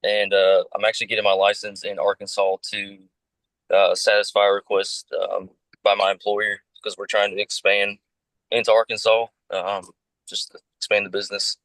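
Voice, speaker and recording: A man's voice: lowish voice, little pitch movement, normal speed, a bit bright, dry recording, poor audio. Hesitant man in his thirties, dry sound. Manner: hesitant, many ums. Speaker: pharmacist applicant. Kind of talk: self-introduction on a video call.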